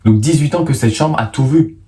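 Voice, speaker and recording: A man's voice: mid-range voice, normal speed, warm tone, reverberant. A man of about nineteen from France with a lisp on his s and z sounds, chatting casually to viewers in a joking, self-mocking, slangy way. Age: around 19. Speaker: video creator. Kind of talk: casual vlog monologue to the viewer. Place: bedroom at home.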